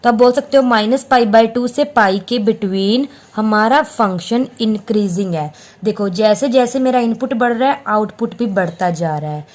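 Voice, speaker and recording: Patient woman teaching maths. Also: fairly high pitch. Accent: Hindi-English mix with English maths terms. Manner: patient, repeats points, asks and answers her own questions. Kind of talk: classroom lesson explaining graphs.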